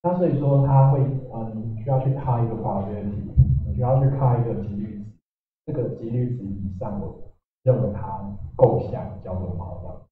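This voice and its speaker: A man giving a technical talk at a meetup, halting, with many fillers and restarts. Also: medium pitch, a little hiss or hum. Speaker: meetup speaker. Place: meetup room. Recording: echoey room, far from mic, tinny.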